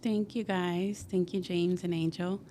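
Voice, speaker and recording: A woman's voice: fairly low pitch, fairly even intonation, unhurried, warm tone, slight background noise. A woman in her forties from Guatemala, a podcast guest telling her story in a chatty way full of fillers. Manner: chatty, many fillers like "like" and "you know". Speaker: guest, cleaning company founder. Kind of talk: casual podcast interview.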